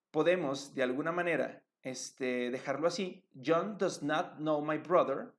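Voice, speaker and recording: A patient man explains grammar at a board, step by step. His voice sits a little high for a man, and he keeps checking that his students are following along. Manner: patient, checks understanding with tag questions. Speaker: English teacher.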